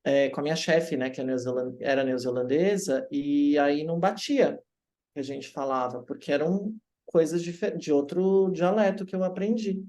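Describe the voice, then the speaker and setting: A man from Brazil, an English teacher telling stories in a casual interview, lively and acting out the voices of people he quotes. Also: fairly high pitch, normal speed. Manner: animated, acts out quoted voices.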